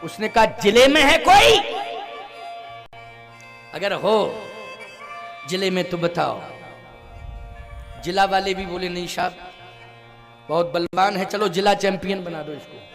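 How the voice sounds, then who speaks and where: A man preaching a devotional storytelling sermon. He quizzes the audience with rhetorical questions, chants scripture verses slowly, and swings between loud bursts and quiet asides. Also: high voice, faint music behind. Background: musical instrument accompaniment.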